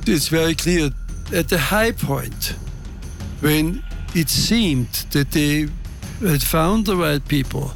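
A man giving deliberate, halting commentary as an interviewed expert. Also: fairly high pitch, expressive, creaky, faint music behind. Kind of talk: unscripted interview talk.

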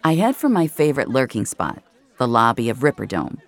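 With a medium-pitched, sing-song and brisk delivery and a faint crowd behind it, an actor gives first-person audio drama narration. He plays Jamie, the introspective young regular of a virtual-reality social space, confiding in a reflective, intimate tone.

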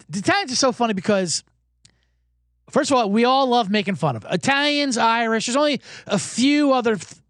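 High-voiced rambling betting host. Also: male voice, dry recording, studio quality. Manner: rambling, riffing and joking, breaks into mock accents. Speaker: sports betting podcast host. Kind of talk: casual, profane betting chat.

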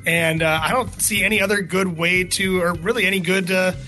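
A man's voice: sits high, fairly even intonation, fairly quick, sharp tone, faint music behind. A man hosting a sports podcast, chatting casually and teasing his co-host. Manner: joking, teasing banter.

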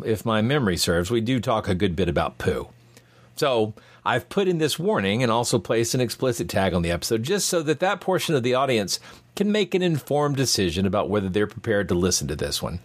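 A man hosting a science podcast in a bright, curious manner, delivering scripted narration articulately. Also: on the low side. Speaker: podcast host. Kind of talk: scripted narration and show introduction.

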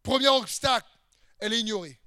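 A man with a very high, bright, ringing voice preaches an emphatic sermon. He hammers home repeated phrases, sometimes breaks into shouts, and asks the listener direct questions. The sound is dry and close. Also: a little fast, no echo. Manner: speaks straight to the listener with questions.

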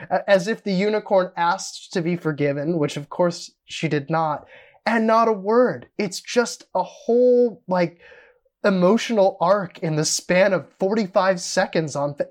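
A woman on a film podcast, talking analytically about roles and scenes. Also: fairly low pitch.

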